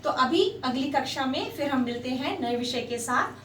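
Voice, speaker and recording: High-pitched lady teaching hindi, slow and patient, faint hiss behind. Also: expressive, fairly bright tone. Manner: patient, repeats sounds slowly and switches into English. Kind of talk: slow spoken language lesson. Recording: echoey room, voice a bit far from the mic, faint hiss.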